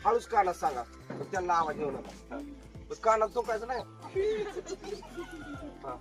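A man's voice: high voice, sing-song, normal speed, over music. A middle-aged man, performing as a magician and keeping up joking stage patter and crowd banter outdoors. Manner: joking showman who keeps calling for loud applause. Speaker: magician performing for a tour group. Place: outdoors at an agro-tourism farm.

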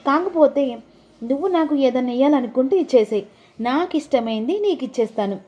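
A woman's voice: expressive, brisk, darkish tone, dull audio. A woman voicing a playful, teasing young wife in a sing-song manner. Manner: sing-song, teasing, raises her voice high.

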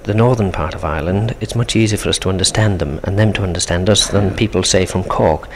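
On 1970s radio tape with a faint hiss, a man from the Isle of Man, invited to the studio as a Manx language expert, speaks fast in a low-sitting voice. He explains things in a steady, patient way.

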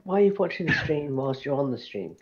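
A man's voice: a little high, very animated, a little fast, muffled recording. A man, swearing and teasing friends in casual gaming chat. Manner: crude, teasing, swears a lot.

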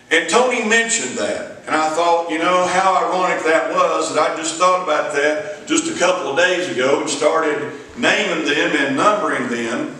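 Here the evangelist's fairly high voice sounds pushed and bright. The middle-aged Southern US preacher tells folksy stories and drags out his phrases during an evening sermon in a small church, heard via the pulpit mic from a far-off camera in an echoey room.

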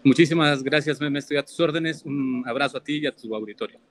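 A man answering interview questions in a measured way, listing points and repeating himself. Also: mid-range voice. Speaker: interview guest, former local official.

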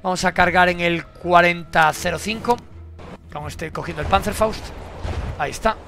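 Young man, game streamer; bright, gravelly edge, cursing. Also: sits high, moderate pace, soft background music. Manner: swears a lot, bursts into shouts. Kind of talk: casual live game commentary.

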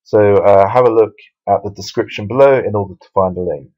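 A man's voice: fairly low pitch, brisk, dull audio. A man teaching Hebrew letters from a Bible verse in a video lesson, explaining patiently with fillers and restarts. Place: Jerusalem.

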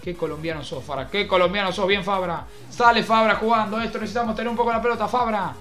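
A young Argentine man calls a football video game like a stadium commentator, his voice sitting high for a man. He bursts into shouted play-by-play, then drops to low, muttered grumbles. Faint game music plays behind him. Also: quick pace. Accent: Argentine Spanish. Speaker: gaming youtuber.

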